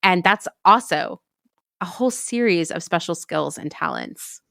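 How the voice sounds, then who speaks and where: Woman podcast host, gravelly low voice, dry close sound, casual and chatty. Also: expressive, unhurried, fairly bright tone, dry recording. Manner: chatty, laughs easily, casual fillers. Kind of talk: conversational interview and outro.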